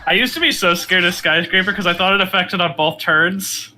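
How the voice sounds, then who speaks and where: A man chatting playfully while playing a card game with friends, now and then shouting attack calls. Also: high-pitched, a little fast, slight background noise. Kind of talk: casual gaming chat.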